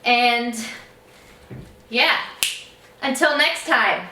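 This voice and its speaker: Bright-voiced young woman vlogging. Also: on the high side, drawn-out words, echoey room, recorded from a distance, slight background noise. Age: young adult. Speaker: family vlogger. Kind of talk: casual chat to camera and on calls.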